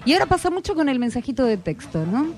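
A woman's voice: high voice, sing-song, quick pace, darkish tone, soft background music. A woman hosting a radio show, chatting casually with children and often checking in with short questions. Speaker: radio host. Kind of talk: casual interview with schoolchildren.

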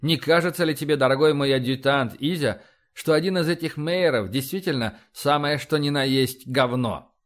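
A man voicing a gruff, sardonic rear admiral who scolds and mocks. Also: a little high, normal speed, close to an everyday voice. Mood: mocking. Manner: brusque, mocking, loud outbursts.

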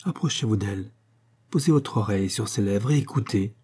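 A man voicing a grave, compassionate Indian sage in an audiobook, speaking slowly and gently. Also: fairly low pitch, husky. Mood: solemn. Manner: slow, gentle, solemn speech. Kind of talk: audiobook character voice.

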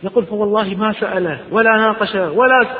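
A man gives a storytelling lecture, acting out each quoted exchange with drama. His voice sits somewhat high for a man. The sound is tinny and narrow, with a long hall reverb and a faint hiss behind it. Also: fast. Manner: dramatic storyteller who acts out quoted dialogue. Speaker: religious history lecturer.

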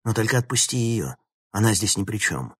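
A man's voice: on the low side, sing-song, fairly quick, a bit bright, husky, no room sound, studio quality, pitched above the performer's own voice, heavily acted. A male narrator voicing an earnest teenage boy hero who pleads in a firm, urgent way. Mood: pleading.

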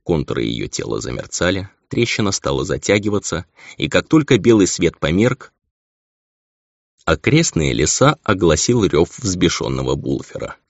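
A man reading a fantasy audiobook in an expressive storytelling manner. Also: low voice, normal speed, gravelly, no room sound. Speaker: audiobook reader. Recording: dull dry lo-fi audio.

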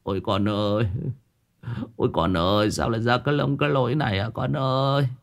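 A man's voice: mid-range voice, steady tone, brisk, lightly acted. A man voicing a grieving older father who keens and sobs over his daughter. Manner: sobbing, keening lament.

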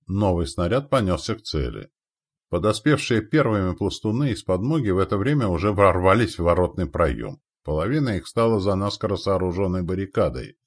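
A man with a very low voice narrating a war audiobook, his pitch rising and falling in an animated way. The reading is dramatic and vivid. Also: breathy edge.

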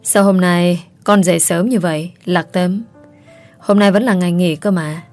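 A woman voicing a bossy, quick-tempered middle-aged mother. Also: on the low side, fairly even intonation, darkish tone, soft background music, lightly acted. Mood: kindly. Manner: scolding, emphatic.

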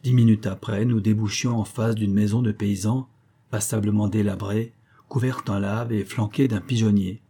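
Male narrator, dark mellow voice, measured audiobook reading. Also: fairly low pitch, fairly even intonation, husky.

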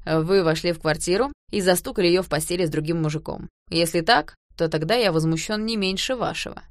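A wry young husband, read by a woman who jokes his way through rising worry. The voice sits fairly low and close, with a dry, close-up sound, as in an audiobook. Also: fairly quick, no echo, natural voice. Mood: wry, alarmed. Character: young adult man, wry, increasingly worried husband.

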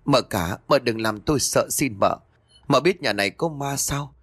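A man's voice: medium pitch, normal speed, fairly bright tone, dry recording, studio quality, lightly acted. A man voicing a frightened old woman who works as a cook, stammering and pleading in a ghost story.

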